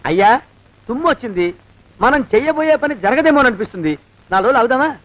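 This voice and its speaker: A nervous, superstitious helper frets in a very high, fast voice. The film audio is dull with a faint hiss. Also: male voice, lively intonation. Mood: worried. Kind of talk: film comedy acting.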